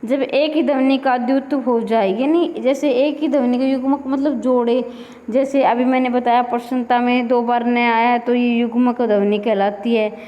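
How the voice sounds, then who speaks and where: Female grammar teacher, fairly high voice, drills exam questions in a reverberant room. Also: fairly even intonation, normal speed, lo-fi sound. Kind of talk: exam-prep lecture.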